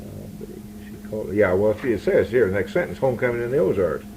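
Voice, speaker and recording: A man's voice: fairly low pitch, very animated, fairly quick. A man interviewing someone casually, rambling and often breaking off his own sentences to start again. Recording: noisy 1981 amateur interview recording.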